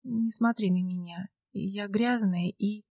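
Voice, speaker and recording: A woman's voice: fairly even intonation, normal speed, dry recording, studio quality, natural voice. A woman doing a frightened tearful young woman. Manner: shaky, stammering, rising to shrill outbursts.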